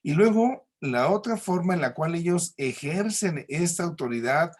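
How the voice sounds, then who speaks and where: A man's voice: fairly high pitch, lively intonation, normal speed. A man with a Mexican accent teaching a recorded church class, explaining patiently with homely examples and frequent tag questions.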